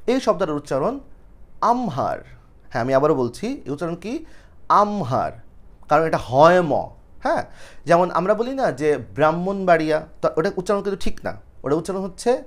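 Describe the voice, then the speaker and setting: Young guy teaching a poem, bit high voice, very bouncy intonation, keeps quizzing then answering himself. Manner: lively, asks questions and answers them himself. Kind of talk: explaining a poem line by line to students.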